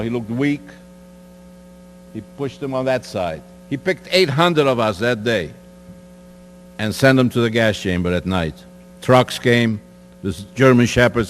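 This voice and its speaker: Elderly man speaking in an echoey hall. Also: medium pitch. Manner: plain, direct storytelling with conversational asides. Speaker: Holocaust survivor speaker. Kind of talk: testimony talk to students. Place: school hall. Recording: echoey hall with faint mains hum.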